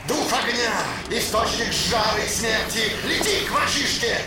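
An actor playing a spiteful, raging sorcerer in a dubbed animated film, seething and shrieking his curses with a gravelly creak. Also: high voice, a little slow, echoey room. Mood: seething invocation. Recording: distant, under loud film music.

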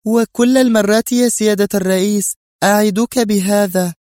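A man's voice: high voice, fairly even intonation, normal speed, darkish tone, no room sound, studio quality, pitched above the performer's own voice, close to an everyday voice. A man voicing a scheming female crime boss in an audiobook, taunting and laughing with smug confidence. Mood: mocking. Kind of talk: audiobook character voice.

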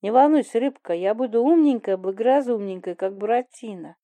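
A woman's voice: a little high, brisk, warm tone, no echo, lightly acted. A woman reading the part of a flippant young woman who teases her older sister in an offhand, mocking way.

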